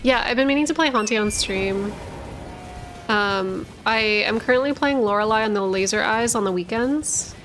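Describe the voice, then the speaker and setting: A woman's voice: a little high, moderate pace, a bit bright, faint music behind. Rambly tired woman streamer. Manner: rambling, many filler words, self-correcting. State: tired after a long stream. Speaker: streamer and lore channel host. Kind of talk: casual livestream chat answering viewers.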